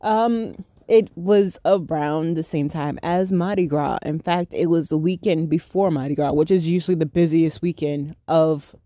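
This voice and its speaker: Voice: mid-range voice, normal speed, hardly any pauses, dark tone, no room sound. A thirty-year-old podcast host talking alone in a casual, rambling way and often stopping to correct themself. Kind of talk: casual solo podcast monologue.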